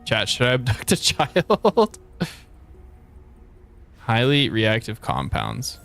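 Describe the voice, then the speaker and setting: A man giving casual live game commentary as a streamer, with playful, slangy, expressive reactions. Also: mid-range voice, slow pace, gravelly, soft background music.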